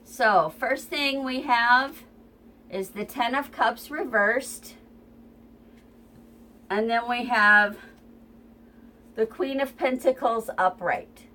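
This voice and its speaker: Her voice on the high side, bright and forceful, this tarot reader takes it slowly and pauses often. Stuffy and runny-nosed, she gives a casual, rambling reading with many ums at home by her kitchen, recorded on a tripod camera.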